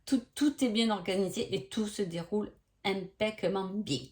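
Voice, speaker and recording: A woman's voice: medium pitch, fairly quick. Woman doing a laid-back card reading by star sign, hesitant and chatty, keeps asking if you get what she means. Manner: chatty, many hesitations and tag questions. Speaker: oracle card reader. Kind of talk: casual astrology reading by sign.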